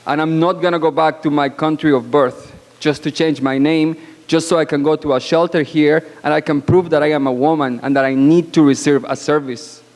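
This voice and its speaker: Speaking from the podium microphone of a banquet hall, a panelist at a conference, a woman born outside Canada, delivers her remarks loudly, frankly, and assertively. She takes her time and pauses often, her voice sitting low. The hall gives the audio a long reverb.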